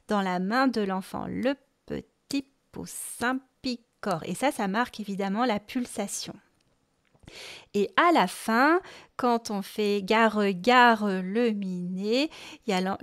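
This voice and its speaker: A woman from France hosting a music lesson podcast for parents, explaining gently and singing short rhymes. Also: mid-range voice. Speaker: music teacher and podcast host.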